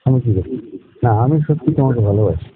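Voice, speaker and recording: Evasive boyfriend played by a man, defensive, pleading, mid-pitched, phone-line drama with faint hiss. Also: lively intonation, fast talker, lightly acted. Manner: defensive, pleading, repeats questions back. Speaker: boyfriend in staged phone call. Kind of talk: staged phone-call drama.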